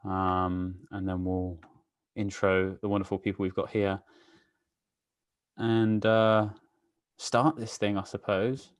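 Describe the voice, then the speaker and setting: A webinar host with a deep, smooth voice and little pitch movement speaks slowly as he runs a casual live online meetup over a video call, chatting with plenty of fillers and greeting viewers by name. There is no room sound.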